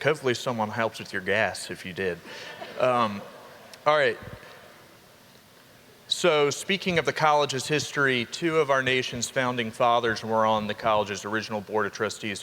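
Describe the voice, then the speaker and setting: Upbeat dean addressing a hall. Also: male voice, fairly low pitch, sharp tone, slight background noise. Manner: upbeat, addresses the crowd with quick asides. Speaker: dean of students. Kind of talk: orientation welcome speech. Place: large hall. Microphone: handheld microphone. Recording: reverberant hall with faint ambience.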